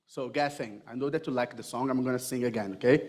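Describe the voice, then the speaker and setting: A man's voice: medium pitch, fast, darkish tone. A man from Brazil, preaching a church sermon in a chatty, joking way and speaking straight to the congregation. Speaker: pastor.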